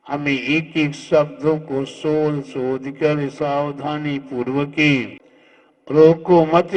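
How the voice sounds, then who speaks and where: Man, Jain monk, devotional sermon, slow deliberate delivery, rhetorical questions to listeners, long echoing hall. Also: a little high. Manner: fond, didactic address to listeners with rhetorical questions.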